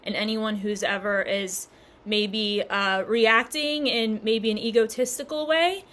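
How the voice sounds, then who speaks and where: A woman's voice: mid-range voice, fairly even intonation, a little slow. A young woman casually teaching about spirituality to her channel viewers, upbeat and often laughing as she talks. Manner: warm, giggly, upbeat with frequent laughter.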